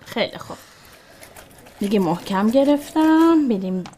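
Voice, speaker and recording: A woman's voice: a little high, animated, dark tone, slight background noise, close to an everyday voice. An actress playing a tired separated mother, bitter and close to tears. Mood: weary.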